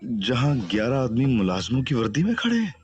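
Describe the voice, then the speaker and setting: An actor playing an eccentric young detective who narrates in the first person with a deadpan, playfully evasive manner. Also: male voice, mid-range voice, brisk, lo-fi sound, slight background noise.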